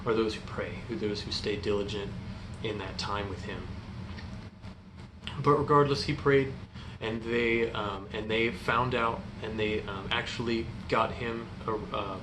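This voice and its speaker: A young man giving an informal youth group sermon in an earnest, halting, hesitant way. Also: medium pitch. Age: young adult. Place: indoor room in front of a stone fireplace. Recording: echoey room, clear background noise.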